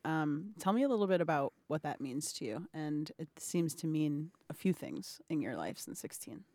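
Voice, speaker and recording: A woman's voice: sits low, animated, normal speed, dark tone, no room sound. A woman in her thirties interviewing a patient, asking friendly, searching questions with some fillers. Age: 30s. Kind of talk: recorded interview. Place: indoors, cultural center.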